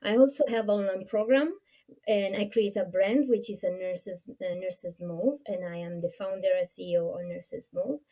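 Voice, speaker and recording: Italian-accented woman with a mellow voice. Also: medium pitch, steady tone, moderate pace. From Italy. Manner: non-native phrasing, frequent fillers. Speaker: co-host, nurse career coach. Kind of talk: webinar presentation.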